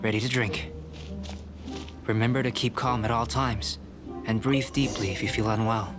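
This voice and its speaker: In a studio game recording with music underneath, a man with a natural, medium-pitched voice plays a young alchemist scholar. The character is calm, composed and aloof, lecturing in a measured, coolly confident way.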